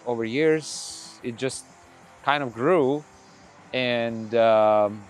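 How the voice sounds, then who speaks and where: A middle-aged man from Croatia, whose first language is Croatian, hosts a podcast in a room full of records. He talks in a relaxed, rambling way, restarting his sentences, at an ordinary middle pitch. Faint music plays behind him. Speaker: podcast host and record label owner. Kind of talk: casual monologue.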